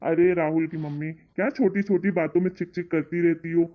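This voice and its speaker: A performer playing a patient middle-aged husband and father in a family comedy sketch, who tries to calm his wife down. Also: medium pitch, a little fast, natural voice. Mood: placating. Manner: calm, placating, then fed-up. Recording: tinny phone-like audio.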